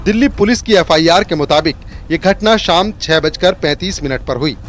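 A man's voice: fairly high pitch, normal speed, faint music behind. Man reading a news report. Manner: steady, formal reading. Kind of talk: scripted news voice-over.

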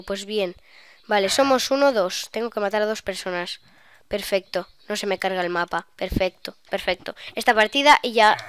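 Smooth-voiced young woman gamer. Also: mid-range voice, no room sound. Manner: chatty, excitable, bursts of shrieks. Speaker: gaming YouTuber. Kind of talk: live gameplay commentary.

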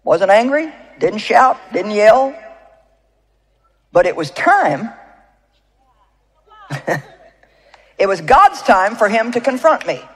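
A woman's voice: fairly high pitch, big pitch swings, takes it slowly, long pauses, husky, rough recording. A woman preacher giving a sermon to a live audience, emphatic and storytelling, often asking the crowd rhetorical questions. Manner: storytelling with personal anecdotes.

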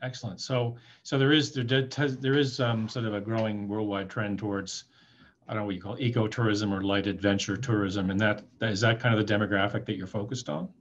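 A man's voice: fairly low pitch, steady tone, a little fast. A man hosting a podcast interview, asking casual questions with some restarts. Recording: dull lo-fi sound with faint noise.

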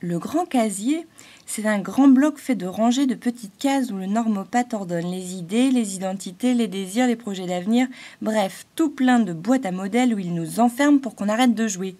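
A woman's voice: medium pitch, moderate pace, mellow, natural voice. A woman voicing a timid little female thought-spirit, a glowing halo, in a fairy-tale audiobook. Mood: earnest. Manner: shy, hesitant, growing earnest.

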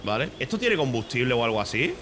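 Fast-talking man from Spain, rowdy. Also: medium pitch, over music. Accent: Spain Spanish. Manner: excitable, swears a lot, bursts into shouts. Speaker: streamer. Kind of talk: casual gameplay commentary.

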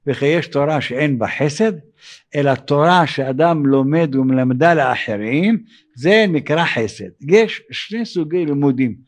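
Older male rabbi, fairly high voice, halting sermon delivery that breaks into lively acted-out dialogue. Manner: acts out quoted dialogue in a raised, animated voice; halting, with frequent hesitations. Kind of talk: evening sermon.

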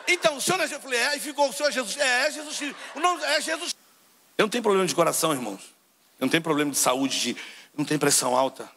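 High, bright Carioca preacher man. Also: big-room sound. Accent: Carioca Portuguese. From Brazil. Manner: storytelling, acts out dialogue, addresses crowd as brother. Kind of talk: sermon.

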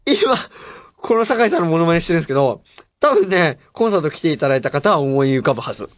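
A man's voice: on the high side, big pitch swings, fast, no room sound. Playful chatty male radio host. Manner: playful, chatty, laughs often. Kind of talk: casual radio talk reading listener mail.

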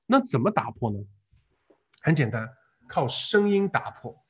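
During a live online lecture for an English exam class, a man speaks in an animated way with a mid-range, unhurried voice that has a breathy edge. He asks the class questions and repeats words as drills.

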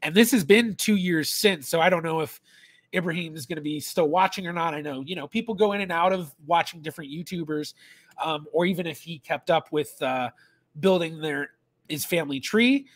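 Speaking a little fast in a fairly high voice, with no room sound, a man in his thirties hosts a relaxed livestream chat. As a genealogist streaming from a small room at home, he reads questions and thinks out loud, full of restarts and fillers.

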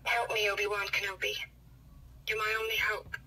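An actress playing a young princess pleading as a hologram, a film line played from a toy's tinny speaker. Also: female voice, mid-range voice, little pitch movement, moderate pace, bright, forceful tone, husky, distant mic, exaggerated voice. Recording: tinny toy speaker heard from off-mic.

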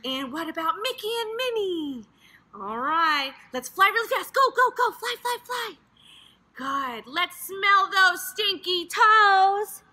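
A woman coaches small children through playful exercises in a very bright, piercing voice with lively swoops in pitch. Her delivery is unhurried, exaggerated and encouraging, picked up by a camera across a big gym. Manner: animated, exaggerated, encouraging sing-song delivery. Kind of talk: playful guided exercise lesson for young children. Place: large indoor gymnastics gym. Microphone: camera a few metres away. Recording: faint room noise, camera across gym.

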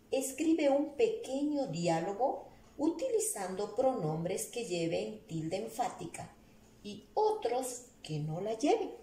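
A woman teacher with an Ecuadorian Spanish accent explains a lesson slowly, step by step, asking her students rhetorical questions as she writes on the board. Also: medium pitch, dark tone. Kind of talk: recorded class lesson. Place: room with a whiteboard. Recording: echoey room.

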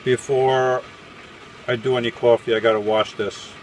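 A man's voice: mid-range voice, level tone, moderate pace, slight background noise. A man in his forties, a van-life vlogger, talking casually to camera while brewing coffee, thinking aloud and correcting himself. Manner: thinking aloud, self-correcting, mildly puzzled. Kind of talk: casual how-to talk while making coffee. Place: small cluttered van interior at night.

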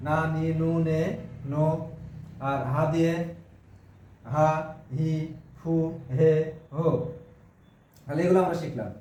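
A Bengali-speaking man teaching beginners, going slowly and patiently and repeating each syllable as he writes. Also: on the high side, a little mellow, far from the mic, a little hiss or hum. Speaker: Japanese teacher. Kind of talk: beginner language lesson, writing on a board. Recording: echoey room, voice from off the mic.

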